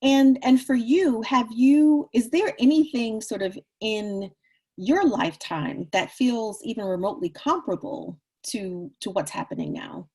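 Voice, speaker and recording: Husky-voiced woman interviewing gently. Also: fairly high pitch, expressive, unhurried. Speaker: interviewer, event moderator. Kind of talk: casual online interview.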